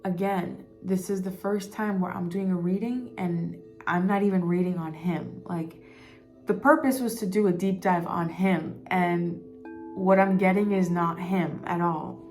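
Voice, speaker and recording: A woman's voice: fairly low pitch, fairly even intonation, a little slow, a little mellow, soft background music. A woman giving a casual spiritual card reading, meandering and repeating words as she goes. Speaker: intuitive card reader.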